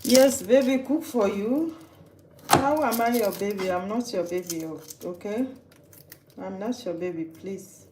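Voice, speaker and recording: A Nigerian woman hosts a live-stream cooking chat in Nigerian English, chatty and teasing her viewers while frequently restarting sentences. Her medium-pitched voice keeps a measured pace, recorded in an echoey room with background noise.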